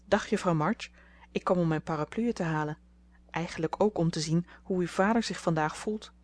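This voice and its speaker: A shy, earnest young man in love speaks in a gentle, pleading way, as a woman reading a storybook aloud voices him. He sounds tender and soft. Her voice sits a little low. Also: moderate pace, close to an everyday voice. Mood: polite.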